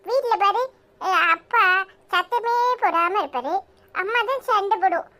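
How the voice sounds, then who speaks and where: A woman's voice: very high-pitched, unhurried, bright, forceful tone, heavily acted. A woman voicing a chatty, teasing young village boy in a cartoon, with a Tirunelveli Tamil accent. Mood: gossiping. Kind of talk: cartoon voice acting.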